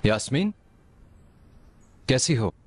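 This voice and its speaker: A man dubbing a calm, supportive young man in a TV drama, speaking steadily and firmly. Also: medium pitch, takes it slowly, breathy edge, no room sound, exaggerated voice. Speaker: dubbed actor. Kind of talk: dubbed TV drama.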